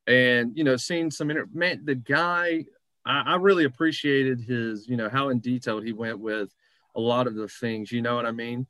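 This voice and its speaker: A man's voice: mid-range voice, pushed and bright, no echo. Rambling male sports host, close dry sound. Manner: rambling, conversational. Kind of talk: casual sports chat.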